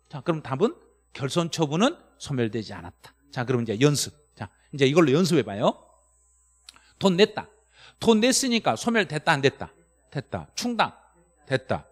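A middle-aged man teaching a live-stream exam lecture, excited and quizzing his viewers. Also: long reverb tail. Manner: animated, jumps to high excited pitch on key words, quizzes the chat. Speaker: real estate tax law instructor.

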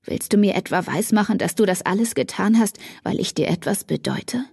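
A woman voicing an intense young man who is protective and angry, speaking low and curt. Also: lively intonation, brisk, creaky, darkish tone, husky, dry recording, studio quality, heavily acted.

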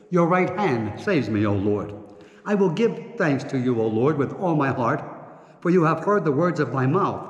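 A priest with a fairly high voice reads prayers and scripture at a slow, solemn, measured pace. His voice rings through a big church with a long, hanging reverb. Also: dull audio. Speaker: priest celebrating Mass. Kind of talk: liturgical prayer and scripture reading. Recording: echoey church, reverberant and roomy.

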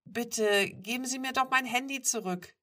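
Flustered posh teen girl, high and pleading, bright breathy tone, read by a woman. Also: measured pace. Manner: pleading, indignant, higher and louder than narration. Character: flustered upper-class teenage girl.

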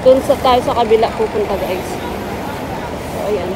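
A woman's voice: a little high, moderate pace, over a noisy crowd. A woman vlogger narrating a casual walking tour through a city street market, chatting to her viewers as she goes. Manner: chatty, keeps addressing viewers as guys. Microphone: handheld phone camera while walking. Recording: loud street traffic noise. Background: traffic and city street sounds.

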